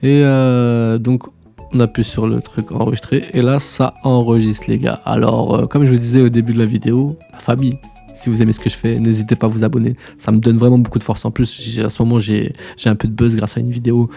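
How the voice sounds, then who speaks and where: A man's voice: medium pitch, little pitch movement, fairly quick, creaky, dark tone, faint music behind. A man hosting a casual screen-share tutorial, informal and slangy, chatting to viewers like buddies. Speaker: tutorial host.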